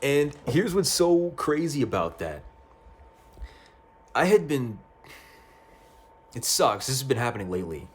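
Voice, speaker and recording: A man talking casually about a video game ending, excitable, swearing freely and often stumbling over and repeating his words. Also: mid-range voice, unhurried, long pauses, breathy edge. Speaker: gaming youtuber. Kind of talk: casual game review monologue. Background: faint music.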